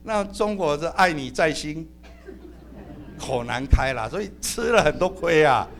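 A middle-aged man preaching a sermon as pastor, humorous and animated, often calling out amen and hallelujah. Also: on the high side, measured pace.

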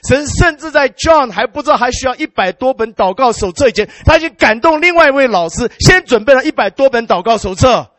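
A male preacher with a notably high voice tells a story to his congregation, bursting into hallelujah and amen. He talks in an animated way and mixes in English words. The recording is dry and close, with no room sound. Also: a little fast, hardly any pauses, dry recording. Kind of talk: sermon storytelling.

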